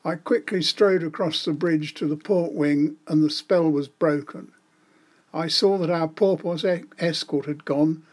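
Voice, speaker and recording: Older guy in his 70s, slightly high voice, dry self-mocking humor, reading out a memory. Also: darkish tone. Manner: wry, self-deprecating. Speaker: storyteller. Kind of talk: scripted personal reminiscence.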